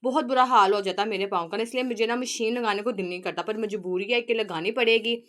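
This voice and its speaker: A woman's voice: mid-range voice, quick pace, fairly bright tone. A young woman, a mother, chatting casually to her viewers in a rambling family vlog.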